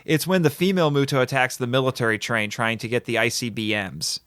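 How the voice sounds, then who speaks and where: A man's voice: mid-range voice, fairly even intonation, a little fast, fairly bright tone, smooth, no room sound, studio quality. Enthusiastic man hosting a podcast. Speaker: podcast host. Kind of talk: casual chat about films.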